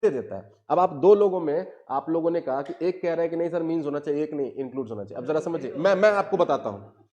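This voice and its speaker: A man lectures on law in a fairly high voice. He keeps asking his students whether they are following him, and he spells out each definition slowly. Every few sentences he turns the point back to them as a question. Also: expressive, darkish tone, muffled recording. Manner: asks students constant check questions; reads legal definitions slowly word by word. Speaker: teacher.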